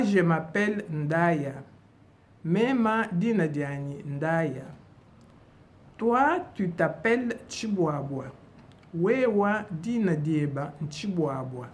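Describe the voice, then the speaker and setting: A woman from DR Congo teaching a bilingual vocabulary lesson, saying each phrase slowly and deliberately and repeating it. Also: lowish voice, darkish tone, slight background noise. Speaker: language teacher.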